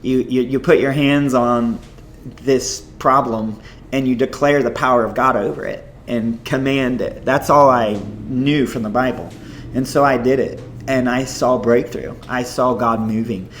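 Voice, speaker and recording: A man, a missionary guest, telling stories in an interview in an animated, chatty way full of "like" and "you know". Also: medium pitch, measured pace, slight background noise. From United States. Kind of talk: storytelling interview.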